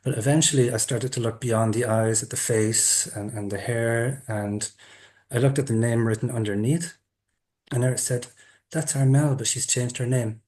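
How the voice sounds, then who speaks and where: A man hosting an interview, telling a personal story in a chatty way and laughing at himself now and then. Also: medium pitch. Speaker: interviewer, group host. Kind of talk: storytelling introduction.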